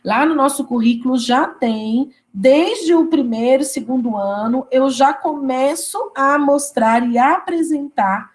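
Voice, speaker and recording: A woman's voice: sits high, a little slow, hardly any pauses, darkish tone. A woman giving an online teacher training lecture. She explains step by step and often checks in with tag questions. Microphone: video call.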